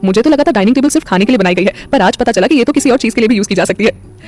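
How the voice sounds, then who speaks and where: A playful, joking young man who teases his friends and fusses over his partner, as a woman narrator puts him on. He talks very fast in this romantic audio story, with faint music behind him. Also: a little high, lively intonation, darkish tone. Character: young man, teasing, caring boyfriend.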